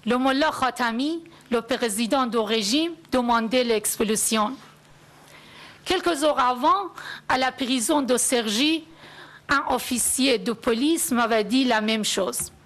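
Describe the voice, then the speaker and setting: A woman from Iran giving a prepared testimony speech at a conference, solemn and deliberate in short phrases. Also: fairly high pitch, a bit bright. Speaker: conference speaker.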